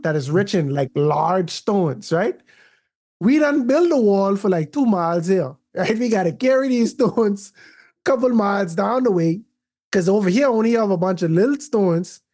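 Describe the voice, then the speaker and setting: A man's voice: high-pitched, a little mellow. A man with a Caribbean accent co-hosting a casual chat, colloquial and slangy, often checking that he is followed. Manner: colloquial, slangy, uses rhetorical check-ins. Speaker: podcast co-host.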